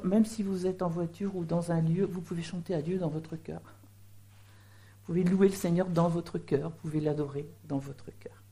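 A woman's voice: low-pitched, dark tone. A middle-aged woman giving a sermon in French, explaining word meanings with a teaching manner. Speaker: preacher.

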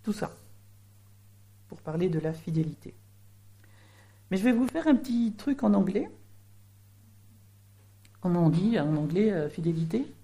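A woman's voice: lowish voice, lively intonation, a little slow, pauses often, dark tone. A middle-aged woman giving a sermon in French, explaining word meanings with a teaching manner. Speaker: preacher.

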